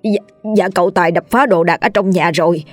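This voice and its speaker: A woman's voice: fairly low pitch, brisk, dry recording, faint music behind, natural voice. A woman voicing a frightened male household servant who calls out breathlessly. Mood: frantic.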